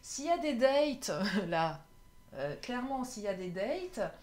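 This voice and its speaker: A woman's voice: a little high, very animated, a little slow, darkish tone. A woman doing a casual love tarot reading, chatty and often laughing, sometimes tripping over her words. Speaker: tarot card reader.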